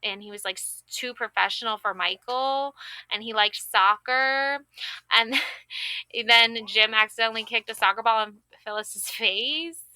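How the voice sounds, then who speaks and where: A woman giving a casual, chatty tarot reading, excitable and full of fillers and self-corrections. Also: fairly high pitch, a little slow, smooth, no room sound. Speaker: tarot card reader.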